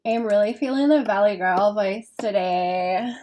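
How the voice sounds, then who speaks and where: A woman's voice: medium pitch, a little slow, darkish tone, a little hiss or hum. A woman chatting casually on a live stream while she draws, thinking aloud and often stopping to restart her sentences.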